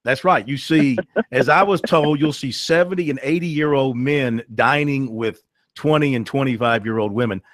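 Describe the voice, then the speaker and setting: A man's voice: mid-range voice, moderate pace, fairly bright tone, no echo, clean studio sound. Emphatic man ranting on sports radio. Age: 30s. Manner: emphatic, ranting, laughs easily. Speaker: sports talk show host. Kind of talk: opinionated sports talk radio.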